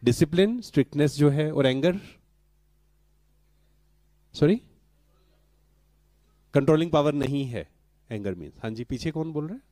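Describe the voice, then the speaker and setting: A middle-aged man giving a spiritual talk to a live audience, calm and questioning, who keeps asking the audience to answer and mixes in English words. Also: a little high, normal speed, pauses often, dry recording. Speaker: spiritual speaker.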